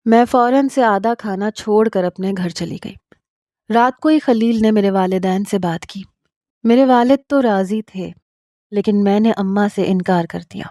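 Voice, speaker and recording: A woman narrating a first-person story in a steady, confiding way. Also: medium pitch, dry recording, clean studio sound.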